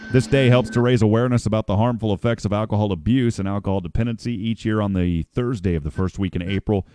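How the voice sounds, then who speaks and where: A lower-pitched man hosts a casual morning radio show, rambling through the news and fixing his own words mid-sentence. His voice sits close and dry in the studio mic, with no room around it. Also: warm tone, no echo. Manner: rambling, self-correcting, chatty.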